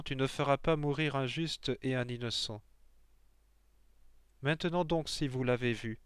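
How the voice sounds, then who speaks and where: A man's voice: medium pitch, clean tone, no echo, clean studio sound, lightly acted. A man reading as a stern boy prophet.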